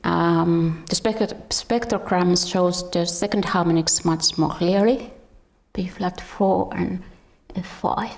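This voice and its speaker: A Finnish woman, a researcher and musician, gives a conference lecture partly read from a script. Her darkish, slightly low voice has lots of vocal fry, and she reads her notes haltingly, sometimes stumbling and repeating a word.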